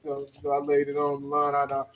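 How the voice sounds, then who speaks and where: A man with a gravelly, smoker's voice co-hosting a podcast, signing off in laid-back, slangy casual chat. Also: fairly high pitch, completely flat delivery, fast, a bit bright, low-quality recording. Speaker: podcast co-host.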